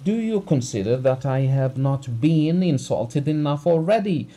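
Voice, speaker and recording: A man voicing an indignant country doctor who shouts back in anger in an audiobook. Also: mid-range voice, animated, measured pace, pitched above the performer's own voice. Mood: furious. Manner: angry, clipped, rapping out words.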